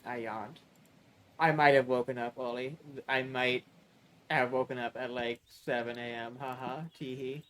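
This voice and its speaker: A man's voice: mid-range voice, flat delivery, normal speed, a bit bright. A man streaming live, chatting casually and rambling, swearing freely and drawing out his words.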